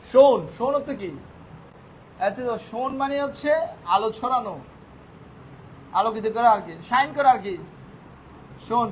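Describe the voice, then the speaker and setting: A man's voice: high-pitched, poor audio. A male teacher giving a classroom vocabulary lesson, firing questions at his students and answering them himself. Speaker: English teacher. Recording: faint background noise.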